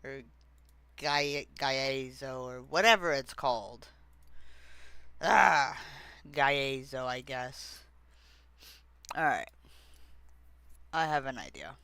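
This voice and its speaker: This is a streamer talking slowly and casually to viewers, drifting off topic and circling back. The voice is bright and smooth. The recording is dry and close, with no room sound. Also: mid-range voice, lively intonation, no room sound. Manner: rambling and easily sidetracked; frequent fillers and restarts. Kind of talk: casual livestream chat.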